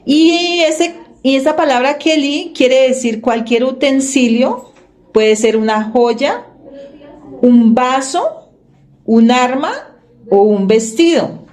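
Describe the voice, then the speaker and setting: A woman's voice: sits high, a little mellow. A woman giving a Bible teaching sermon, explaining verses and often checking in with her listeners. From Colombia. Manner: reads scripture slowly and emphatically. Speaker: congregation teacher.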